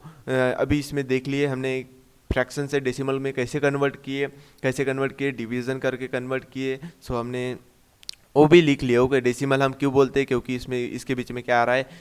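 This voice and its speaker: एक पुरुष गणित शिक्षक, मराठी लहजे वाली हिंदी में, हर कदम दोहराते हुए खुद सवाल पूछकर खुद जवाब देता है और अंग्रेज़ी गिनती मिलाता है।. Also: male voice, medium pitch, clean tone. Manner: repeats steps, asks and answers himself; mixes English number words into Hindi. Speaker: math teacher. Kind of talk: classroom-style math lesson.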